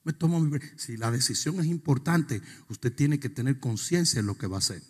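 A male pastor preaching a sermon. He swings from quiet asides to shouted, sing-song preaching. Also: medium pitch, animated, a little fast, husky. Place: church sanctuary. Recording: long reverb of a church hall.

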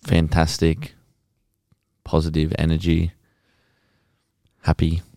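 A man with a low voice chats easily on a podcast, mostly giving short agreeing replies. His voice sounds dry and close to the mic. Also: completely flat delivery, takes it slowly, mellow, dry recording. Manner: brief agreeing replies, easygoing. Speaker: podcast co-host. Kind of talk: casual conversation.

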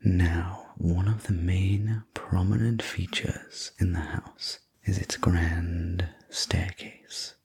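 Male sleep story narrator for whispered role-play: courteous manor servant, very breathy, unhurried and soothing. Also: sits low, a little mellow.

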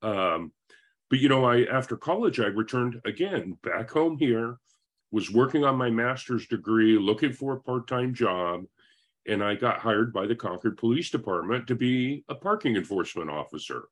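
A man's voice: medium pitch, expressive, moderate pace. A man in his fifties from Northern California, a guest telling his life story in a friendly, rambling way over a video call. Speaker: interview guest.

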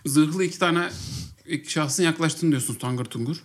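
A man running a tabletop role-playing game, narrating what the players hear in a quick, playful way. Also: fairly high pitch. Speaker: game master.

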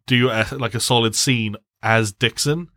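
A man's voice: mid-range voice, steady tone, a bit bright, dry recording, studio quality. A man co-hosting a podcast, chatting and rambling as he recaps an episode, often laughing and acting out little bits of dialogue. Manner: rambling, laughing, acting out scenes in quick voices. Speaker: podcast co-host. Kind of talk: casual chat recapping an episode.

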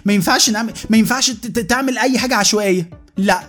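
A man's voice: high voice, a bit bright, faint music behind. A man with an Egyptian Arabic accent doing a comic monologue, exasperated and mocking, tripping over his words as he rants. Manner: exasperated, mocking, rapid-fire with frequent restarts. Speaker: podcast host.

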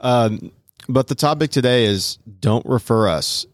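A man's voice: mid-range voice, lively intonation, unhurried, no room sound, clean studio sound. A man hosting a podcast in casual talk, his words slightly mumbled because his mouth is still numb after dental work. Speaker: podcast host. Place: podcast studio.

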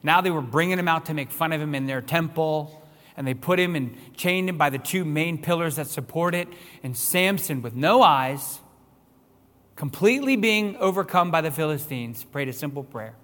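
Male pastor, sermon delivery, pitch a touch high, emphatic questions, long hall echo. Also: normal speed, a bit bright. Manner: rising to emphatic, raised-voice questions. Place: church sanctuary.

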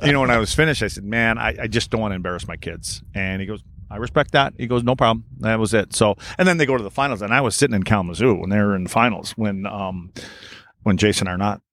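A man's voice: fairly low pitch, quick pace, fairly bright tone. Blunt man in his sixties. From Wisconsin. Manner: blunt and profane, acting out both sides of old conversations. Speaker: podcast guest, former hockey player. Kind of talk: casual storytelling.

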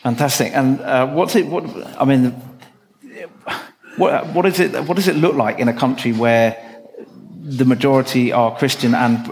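A man leading a church service, interviewing a guest, who often stumbles and repeats words as he forms his questions. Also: mid-range voice. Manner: hesitant, repeats words while forming questions. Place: church hall. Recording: reverberant hall with faint noise.

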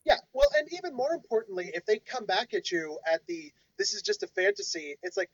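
This podcast co-host, somewhere in their thirties, has a mid-range, sing-song voice and speaks fairly quickly. They joke around, reflect, and hand out advice on a casual discussion show. The lo-fi audio is dull and dry, with no echo.

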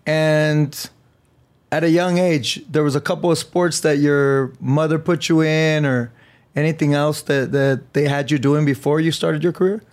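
A man hosting a podcast interview, easygoing and chuckling, tossing in quick okays between questions. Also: on the high side, fairly even intonation, a little mellow. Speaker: podcast host. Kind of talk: casual interview.

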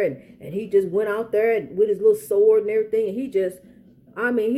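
A woman's voice: mid-range voice, mellow. A middle-aged woman with an American accent gives informal, heartfelt advice in an earnest, pleading and repetitive way. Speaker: parent speaking out in a personal public service message. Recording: faint background noise, ambient sound.

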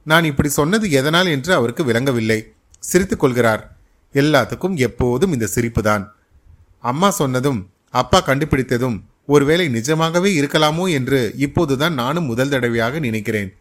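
A male storyteller reading a short story aloud in a steady, measured way. His voice sits at an ordinary middle pitch, even and unforced, as in a podcast story narration.

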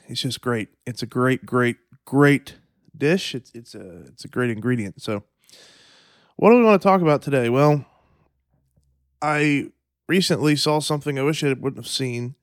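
A man hosting a solo podcast in a relaxed, rambling way, with fillers and throat clearing, eating and sipping coffee at the mic. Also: medium pitch, no echo, clean studio sound. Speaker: podcast host. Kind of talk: casual solo podcast talk.

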